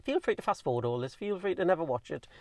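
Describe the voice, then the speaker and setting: Fast-talking Geordie man, chatty. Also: a little high, lively intonation, no room sound. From North East England. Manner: talks very fast, rambling with ums and restarts. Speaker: vlogger reviewing his car. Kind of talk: casual chatty Q&A.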